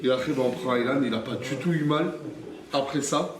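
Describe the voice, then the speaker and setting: A man with a medium-pitched, fairly quick voice tells a personal story to friends on a live stream, recorded off-mic in roomy audio with a crowd in the background. He speaks casual French slang with Arabic loanwords, emphatically acting out moments, including shouts and crying.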